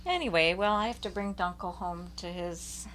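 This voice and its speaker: Woman, podcast co-host, casual chat, playful, lower pitch, faint hum. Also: moderate pace, fairly bright tone. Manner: giggly, playful.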